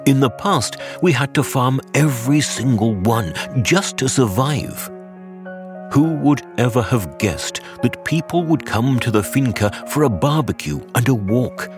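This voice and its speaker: Guy playing old farmer looking back, slow and wistful, lowish swingy voice, music with it. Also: lightly acted. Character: reflective old male tenant farmer reminiscing. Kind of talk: scripted first-person character monologue for audio guide.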